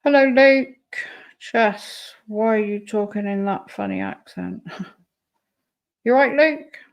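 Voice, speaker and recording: A woman's voice: mid-range voice, takes it slowly. A woman hosting a casual live stream, reacting to a clip and talking to her chat. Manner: chatty, reacting to a clip and reading chat aloud.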